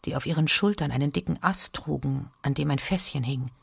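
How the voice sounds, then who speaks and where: A woman narrating a radio play in a hushed, suspenseful way. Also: deep voice, brisk, vocal fry, breathy edge. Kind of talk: scripted narration.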